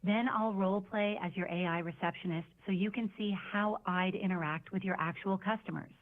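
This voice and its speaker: A woman's voice: mid-range voice, steady tone, brisk. A synthetic female voice acting as a receptionist, heard over a phone line and speaking in friendly, scripted assistant phrases. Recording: tinny phone line played through a speaker.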